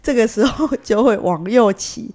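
A young woman with a Taiwanese Mandarin accent, co-hosting a casual podcast and telling a story in an animated way, acting out the dialogue. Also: fairly high pitch, moderate pace. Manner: animated, acts out quoted dialogue. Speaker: podcast co-host.

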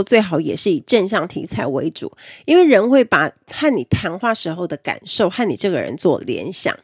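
A woman's voice: on the low side, a little mellow, slightly rough, no room sound, studio quality. A woman presenting an instructional talk on speaking skills, explaining step by step and stressing key words in her lists. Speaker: self-improvement presenter.

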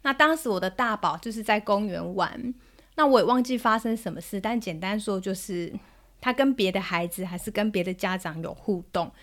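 A woman in her thirties with a Taiwanese Mandarin accent, hosting a parenting podcast and telling a story about her child in a gentle manner. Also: mid-range voice, expressive, a little fast. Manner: gentle, soothing when quoting herself to her child. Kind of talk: storytelling monologue.

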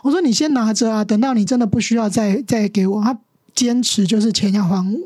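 A woman's voice: fairly high pitch, brisk, mellow, slightly rough, no room sound, studio quality. A middle-aged woman teacher with a Taiwanese Mandarin accent, earnestly telling stories as a podcast guest. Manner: earnest, acts out quoted dialogue. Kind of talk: storytelling interview.

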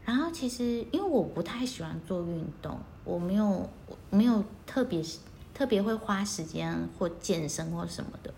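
A woman's voice: mid-range voice, lively intonation, moderate pace, creaky, mellow, a little hiss or hum. A woman, chatting casually as a co-host and laughing often. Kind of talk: casual chat.

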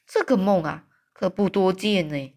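A woman voicing a big, friendly male giant in a storybook read-aloud, with loud exclamations and wailing cries. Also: medium pitch, unhurried. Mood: eager.

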